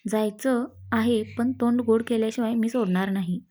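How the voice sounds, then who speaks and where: A woman's voice: a little high, fairly even intonation, normal speed, mellow, natural voice. A woman voicing an affectionate, teasing young husband in a read-aloud story. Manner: playful, coaxing.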